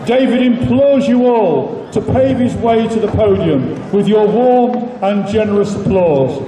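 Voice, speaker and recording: A man's voice: high-pitched, unhurried, background noise. A man hosting a live competition, addressing the public in an informal, jokey compering style. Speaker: competition host and announcer. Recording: distant, echoey PA announcement with crowd.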